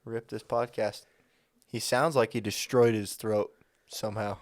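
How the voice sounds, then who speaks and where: A man's voice: on the low side, steady tone, measured pace, no room sound, clean studio sound. A man co-hosting a podcast, chatting casually about a book, often laughing and tossing in joking asides. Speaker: podcast co-host. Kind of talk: casual book discussion chat.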